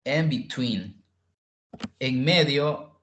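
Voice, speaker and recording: A man leads an online English lesson at an unhurried, deliberate pace. He repeats each word several times and keeps asking his students questions. His voice carries a noticeable room echo. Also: medium pitch, a bit bright, a little hiss or hum. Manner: repeats words slowly, quizzes students. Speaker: English tutor.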